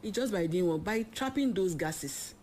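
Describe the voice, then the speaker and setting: A woman with a low voice speaks as a talk-show guest, explaining in an emphatic way. She asks rhetorical questions and answers them herself, with faint noise underneath. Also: expressive, moderate pace, a little mellow. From Nigeria. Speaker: expert guest.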